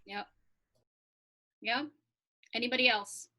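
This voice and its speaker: Bright high-voiced woman hosting. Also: steady tone, slow pace. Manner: upbeat, prompting others to join in. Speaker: forum host. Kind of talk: casual group discussion. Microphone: video call.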